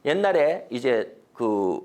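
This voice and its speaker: A middle-aged man giving a corporate training lecture, telling stories with loud and soft swings, asking the audience questions. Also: medium pitch, slow. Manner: animated storytelling, swings from loud to soft, acts out quotes; mixes polite and blunt casual speech, asks the audience questions.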